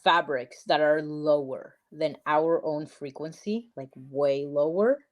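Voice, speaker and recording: A woman's voice: low-pitched, slow, dull audio. A young woman from Peru, talking as a podcast guest in a chatty, emphatic way, full of likes and literallys. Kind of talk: casual interview chat.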